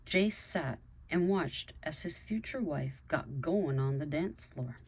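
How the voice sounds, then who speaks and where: A woman with a low, husky voice reads her own story aloud at an unhurried pace. She keeps the narration plain and lifts her voice for the characters' lines, recorded on a simple home setup. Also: animated.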